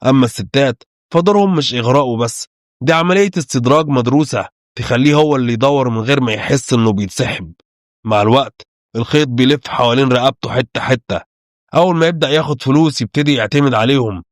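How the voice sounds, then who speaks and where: A man's voice: mid-range voice, fast, dry recording, clean studio sound. A man with an Egyptian Arabic accent narrating a dramatic true spy story, acting out the dialogue himself. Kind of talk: scripted true-crime narration.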